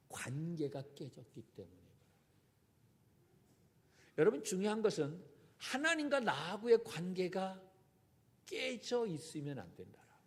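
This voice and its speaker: A man delivers a Sunday sermon as a pastor, his voice pitched high and full of wide, animated swings. He keeps turning to the congregation with direct questions and appeals. The sound carries a long reverb from the church sanctuary. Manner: preaching with rising emphasis and direct appeals to the congregation.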